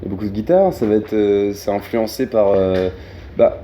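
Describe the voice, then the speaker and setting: Low-voiced Parisian French man, casual and hesitant. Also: lively intonation, fairly quick, dark tone, a little hiss or hum. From Paris region, France. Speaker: pop singer being interviewed. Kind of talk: casual interview chat.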